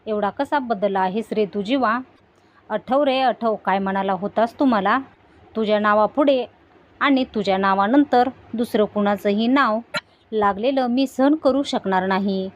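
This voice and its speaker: A woman's voice: mid-range voice, a little slow, close to an everyday voice. Woman reading as a bitter, jealous young woman. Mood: bitter taunting. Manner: bitter, taunting retelling.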